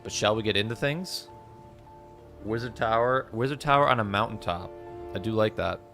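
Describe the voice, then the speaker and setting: A man's voice: on the low side, moderate pace, vocal fry, fairly bright tone, soft background music. Stuffy-nosed male game streamer chatting. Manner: chatty, rambling, greets chat by name. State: congested with a cold. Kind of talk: casual live-stream chat.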